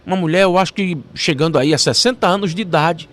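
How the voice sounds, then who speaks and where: A male pastor delivers a sermon. His preaching swings between forceful, climbing emphasis and hushed, stretched-out phrases. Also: high voice, faint music behind. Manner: dramatic preaching, rising to emphatic peaks and dropping to soft, slow phrases.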